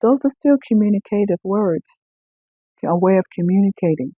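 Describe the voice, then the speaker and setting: A preacher, teaching a sermon and slowing down to repeat key phrases for emphasis. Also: medium pitch, lively intonation, breathy edge, dry recording. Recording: tinny phone-like sound.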